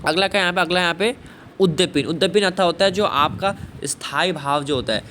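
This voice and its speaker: A man's voice: high voice, fairly quick, bright, forceful tone. Guy explaining a poetry lesson, keeps saying thik hai and bhai, slight background hum. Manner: repetitive, asks and answers own questions. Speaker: teacher. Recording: faint background noise.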